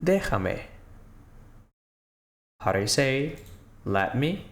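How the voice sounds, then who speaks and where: A man teaching a language lesson, slowly repeating short phrases and quizzing the listener, with slightly non-native English phrasing. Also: mid-range voice, big pitch swings, echoey room. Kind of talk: slow spoken language lesson.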